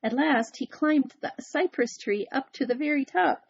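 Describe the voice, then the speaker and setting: A woman's voice: high voice, normal speed, muffled recording. A woman reading a picture book aloud in a playful way, with chatty asides to the listener. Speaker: storyteller.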